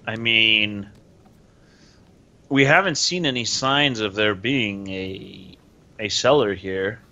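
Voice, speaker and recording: A man's voice: lowish voice, slow, sharp tone. Man in dull lo-fi game chat. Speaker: tabletop game player. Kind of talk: casual role-play chat. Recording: dull, lo-fi sound.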